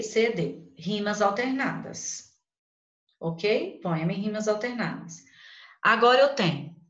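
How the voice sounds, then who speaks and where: A Brazilian woman teaching a literature class online, counting out poetic syllables slowly and deliberately. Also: mid-range voice, fairly bright tone. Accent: Brazilian Portuguese. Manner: slow, syllable-by-syllable scansion. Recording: dull, roomy sound.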